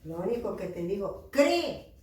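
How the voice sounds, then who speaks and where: A woman voicing a gentle, wise caterpillar in a children's story, speaking in a slow, coaxing and earnest way. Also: medium pitch, big pitch swings. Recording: echoey room, voice from far off.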